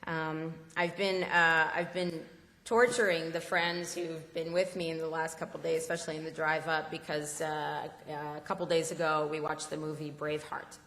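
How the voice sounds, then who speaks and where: Low-voiced woman speaking in an echoey hall. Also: little pitch movement, fairly bright tone. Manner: impassioned, halting with many fillers. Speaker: speaker at a political assembly. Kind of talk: public speech. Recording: echoey hall, roomy long reverb.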